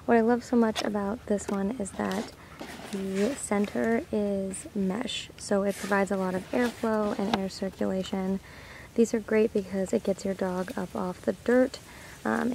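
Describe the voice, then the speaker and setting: A young woman talks through her camping gear in a relaxed, chatty way. Her voice is mellow with a gravelly edge. It is recorded outdoors on a handheld camera, with faint background noise. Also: mid-range voice, moderate pace, rough recording. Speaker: dog owner vlogger. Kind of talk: casual product walkthrough vlog. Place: outdoor campsite.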